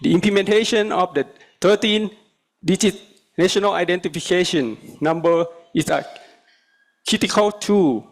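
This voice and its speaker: A man from Thailand with a Thai accent, a native Thai speaker, reads a formal prepared speech in halting short phrases as a government representative. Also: high voice.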